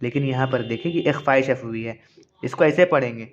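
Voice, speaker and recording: A man's voice: medium pitch, fairly quick, dull audio, a little hiss or hum. A man teaching Quran recitation rules, explaining patiently and repeating each point. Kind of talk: explanatory lesson with slow recited examples.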